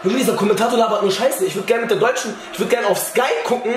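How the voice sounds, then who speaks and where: A young man doing a live football match reaction, excitable, cursing and often shouting at the screen. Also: high-pitched, fast, roomy sound, crowd noise.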